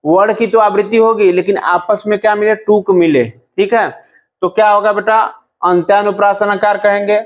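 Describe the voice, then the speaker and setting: A man teaching a grammar lesson, asking and answering his own questions, calling students "beta" and reciting verse lines slowly. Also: high-pitched, fairly even intonation. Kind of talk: classroom-style grammar lesson.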